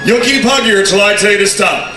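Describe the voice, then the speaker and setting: A man with a fairly high voice hosts a stage hypnotism show, speaking in commanding, repetitive hypnotist patter. He is heard from a distance in an echoey hall, with music and a crowd behind him. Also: fast, bright, forceful tone. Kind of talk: stage hypnotism show, addressing audience and volunteers. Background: music and crowd noise.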